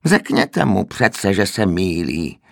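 A man's voice: sits low, sing-song, creaky, no room sound, studio quality, full character voice. A man voicing a grumpy, wheezing old man with a cracked, aged voice who complains peevishly. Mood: plaintive.

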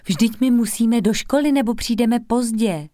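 A woman's voice: medium pitch, lively intonation, music in the background, lightly acted. A woman voicing a curious, outspoken schoolgirl. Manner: curious, calling out.

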